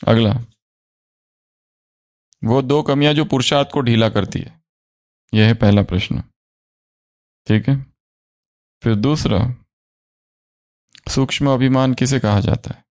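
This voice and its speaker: A man's voice: medium pitch, slow pace, pauses often, a little mellow. A man leading a spiritual study class, quizzing the group with questions and repeating their answers.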